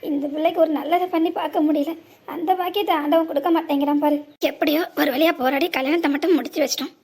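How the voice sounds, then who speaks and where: A woman voicing an anxious mother in a cartoon, speaking in a pleading, tearful way. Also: very high-pitched. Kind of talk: cartoon voice acting.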